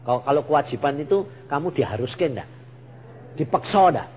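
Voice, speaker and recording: Javanese-accented male preacher, high lively voice, muffled live recording. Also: fairly quick. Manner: animated, coaxing questions to the congregation, mixing Javanese words. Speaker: evangelist preacher. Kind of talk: sermon.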